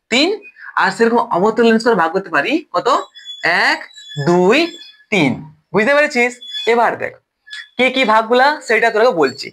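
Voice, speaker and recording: High-pitched guy tutoring science, bright voice, chatty, keeps asking if you got it. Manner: self-correcting, stumbles over terms. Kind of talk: informal class explanation.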